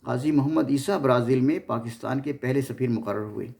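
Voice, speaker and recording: Speaking fairly quickly, a man with a gravelly, slightly mellow mid-range voice hosts a casual history narration. He has a Pakistani accent and tends to stumble and repeat himself along the way.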